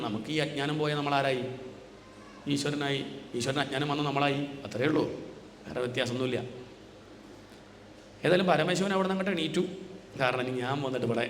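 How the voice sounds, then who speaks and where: A man giving a religious discourse as a spiritual teacher, asking rhetorical questions and answering them himself, now and then chanting verses slowly. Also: mid-range voice. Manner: chants scripture lines slowly. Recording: echoey hall with faint noise.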